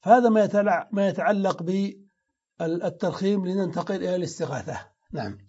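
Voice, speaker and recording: High-voiced man teaching grammar, muffled. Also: animated, fairly quick, warm tone, breathy edge. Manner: explains step by step, repeats example words aloud. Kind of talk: classroom grammar lesson. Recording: dull lo-fi lecture recording.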